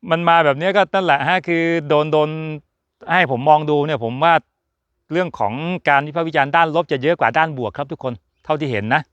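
Chatty man with a smooth dry voice. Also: fairly high pitch, a bit bright, no room sound. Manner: chatty, jokey, rambling with fillers. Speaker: F1 channel host. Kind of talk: casual chat to camera.

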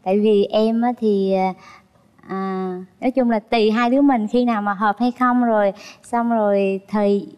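A woman's voice: mid-range voice, fairly even intonation, normal speed, darkish tone, smooth. A woman from Phan Thiet, a dating show contestant, chatty and a little nervous. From Phan Thiet, Vietnam. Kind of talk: casual conversation. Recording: reverberant TV studio with music.

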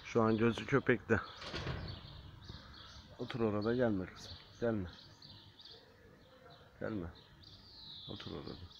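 A man filming a vlog outdoors, talking to his viewers and softly calling stray cats and dogs over. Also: lowish voice, steady tone, slow pace, pauses often, lo-fi sound. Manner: coaxing animals with soft repeated calls. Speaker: vlogger feeding stray animals. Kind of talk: casual vlog talk to viewers. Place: outdoors by a building. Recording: faint outdoor noise. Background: faint outdoor ambience with animals and birds.

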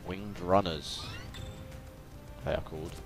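Deep-voiced and with vocal fry, a young gaming video creator takes it slowly, keeping his intonation fairly even. He chats and jokes casually as he comments over his let's play, with game music, game sounds, and doubled game audio behind him.

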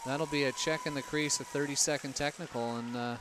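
A man giving color commentary on a lacrosse game, relaxed and analytical, joking with his partner. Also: medium pitch, fairly quick. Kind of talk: live sports commentary. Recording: noisy outdoor ambience behind the mic.

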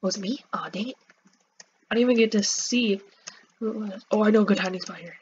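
A woman's voice: medium pitch, fast. A woman chatting casually as she plays and comments on a video game, talking to her viewers. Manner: chatty, excitable, talks to viewers. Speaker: gameplay commentator. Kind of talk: casual let's-play chat. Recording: dull lo-fi mic with faint hiss.

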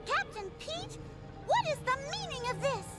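A very high, bright voice from a dignified mouse queen in a game. She speaks primly and firmly, and faint music plays under her. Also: sing-song, moderate pace, heavily acted. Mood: regal. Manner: prim and dignified. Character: proud young mouse queen, polite and firm.

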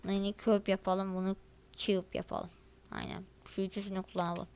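A teenage girl who makes gaming videos chats and grumbles over her gameplay, talking straight to her viewers with clear exasperation. Her mid-range voice is level, a little mellow and clean, moving at a normal speed.

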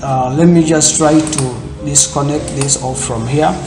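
A man hosts a screen-recorded tech tutorial, seen in a corner webcam in an indoor room, walking through steps in loose, repetitive phrasing full of fillers. His voice is on the high side, steady and unhurried, in an echoey room with music in the background.

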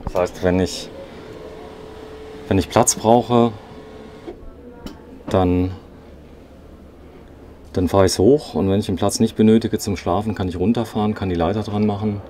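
A man's voice: on the low side, fairly even intonation, measured pace, long pauses, mellow, a little hiss or hum. A man hosting a walkthrough interview, upbeat and summing up features with questions, inside a camper van at a trade fair. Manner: upbeat, asks questions and sums things up. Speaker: interviewer and show host.

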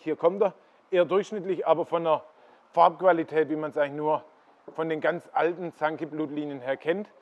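A middle-aged man with a slightly raised voice talks his way through a greenhouse full of koi ponds. He keeps steering the listener toward one fish after another and explains what makes each one good. The sound is a bit dull and lo-fi. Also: a little high. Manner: explanatory, pointing viewers to fish. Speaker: koi dealer giving a farm tour. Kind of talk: walking tour commentary.

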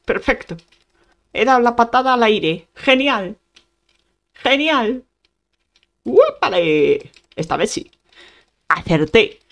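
Playful woman gamer, lively pitch. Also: takes it slowly, long pauses. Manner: playful, bursts of exclamations and sound effects. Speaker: gaming youtuber. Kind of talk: casual gameplay commentary.

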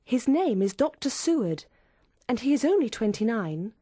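A woman's voice: fairly high pitch, sing-song, normal speed, dark tone, breathy edge, no echo, clean studio sound. A woman voicing a young woman who reads out confiding, gushing letters to her friend.

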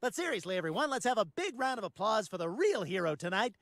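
A wisecracking cartoon roaster. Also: male voice, sits high, very animated, fast talker, fairly bright tone, dry recording, clean studio sound, exaggerated voice. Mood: mocking. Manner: mocking, punchline delivery. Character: wisecracking man roasting his friend.

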